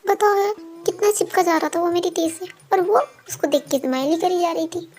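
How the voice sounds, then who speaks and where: A woman's voice: very high-pitched, a little fast, a little mellow. A woman voicing a grumpy, jealous young man who mutters to himself in a fan-made dub.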